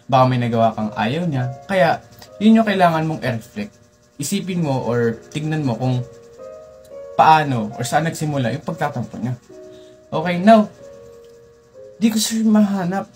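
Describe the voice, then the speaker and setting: A young man hosting a comedic tutorial, lecturing playfully and jumping up in pitch for emphasis. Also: lively intonation, normal speed, long pauses, a little mellow, soft background music. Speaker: tutorial host.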